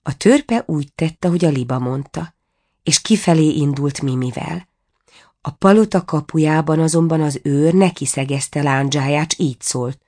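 A woman narrating a fairy tale in a steady, measured reading voice. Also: sits low. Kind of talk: storybook narration.

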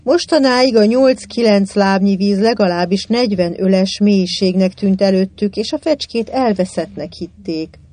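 An audiobook narrator reading a children's adventure novel in an even storytelling manner. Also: medium pitch, hardly any pauses. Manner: even storytelling, lively in dialogue.

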